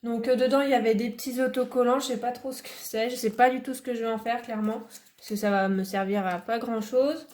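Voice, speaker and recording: A chatty woman from France talks through a relaxed show-and-tell vlog. Her voice sits a little high, and she fills her sentences with hesitations and small restarts. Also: quick pace. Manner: chatty, many fillers and restarts. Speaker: hobby vlogger.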